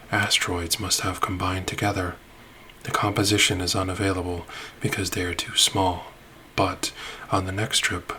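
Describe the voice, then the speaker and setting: A man narrating a space-ship ASMR roleplay in a soft, soothing voice that drops into whispers. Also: low-pitched, a little hiss or hum, poor audio.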